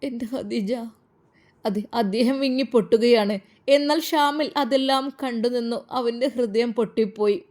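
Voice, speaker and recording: A woman storyteller with a Malappuram Malayalam accent reads a scripted religious tale. Her delivery is dramatic and mournful, and her voice sits somewhat high. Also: normal speed, a little mellow. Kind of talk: scripted emotional narration.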